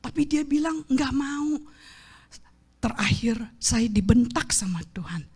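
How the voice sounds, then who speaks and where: A woman evangelist giving an emotional testimony sermon in a church, moving from hushed whispers to loud, fervent exclamations. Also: high voice, expressive, measured pace, husky. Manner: addresses the congregation as "saudara" and mixes in English phrases. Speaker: evangelist preacher. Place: church sanctuary.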